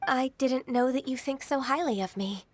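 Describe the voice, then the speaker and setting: A woman playing a gentle, ageless secretary. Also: sits high, moderate pace, a little hiss or hum, close to an everyday voice. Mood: kind. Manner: gentle, soft-spoken and earnest. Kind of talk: game voice acting. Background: game soundtrack music.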